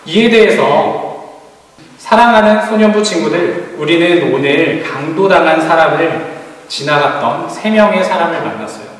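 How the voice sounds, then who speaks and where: A man preaching a gentle, storytelling sermon to a children's group in a church. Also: a little high, expressive, normal speed. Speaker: youth pastor. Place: church sanctuary. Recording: echoey church hall, distant mic.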